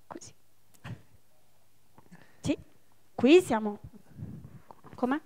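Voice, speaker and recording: A woman in her forties gives a public lecture in a library hall. Her voice sits fairly high, and she explains things step by step with quick, lively asides to the people listening. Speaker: linguist giving a public talk. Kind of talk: public lecture with audience questions.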